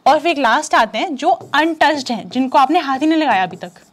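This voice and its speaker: High-voiced woman coaching exam students. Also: lively intonation, a little fast. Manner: chatty, direct, reassuring, addresses students as "you". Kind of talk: casual Hindi-English teaching talk.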